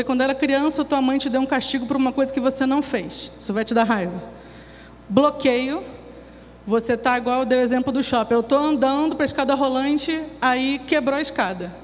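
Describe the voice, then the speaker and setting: Woman speaker, church recovery talk, conversational teaching, long reverb, faint hum. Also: on the high side. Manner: conversational, explains with everyday examples. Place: church hall.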